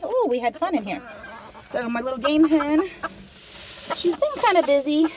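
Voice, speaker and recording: Outdoors among coops and pens, a middle-aged homesteader rambles through an unscripted video update, speaking from behind a handheld phone. Her voice sits high with a darkish tone. The phone picks up plenty of farm ambience and animal sounds.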